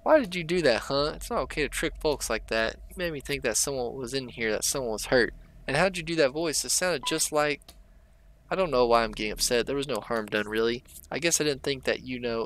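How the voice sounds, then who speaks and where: A man's voice: mid-range voice, quick pace, few pauses, a little hiss or hum, close to an everyday voice. A man reading as an earnest young woman trainer. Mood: scolding. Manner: reading game dialogue aloud, animated.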